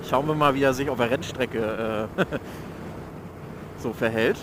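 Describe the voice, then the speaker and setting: Riding his motorcycle, a young man gives a slangy, loose vlog review of it, frequently groping for the right word. He speaks slowly at a medium pitch. A mic inside his helmet records him along with the engine, the road and passing traffic.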